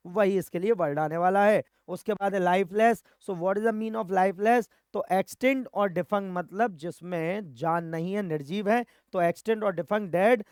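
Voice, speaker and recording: A man with an Indian accent runs a vocabulary lesson for exam students. He drills each word, repeats himself and answers his own questions. His voice sits high and sounds smooth and clear, recorded close in a dry room. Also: no echo. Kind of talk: Hindi-English vocabulary lesson.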